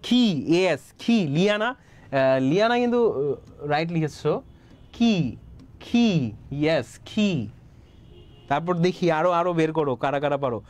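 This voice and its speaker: A man's voice: on the high side, fairly quick, clean tone. Bangladeshi man teaching an online English class. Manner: encouraging, repeats words and checks with students often. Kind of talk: live online class, reading student answers.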